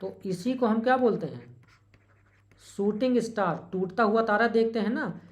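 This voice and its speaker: Teacher repeating terms, quizzing the class. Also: mid-range voice. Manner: repeats key terms and asks rhetorical questions; corrects small slips with a quick "sorry". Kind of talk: exam-prep lecture at a board.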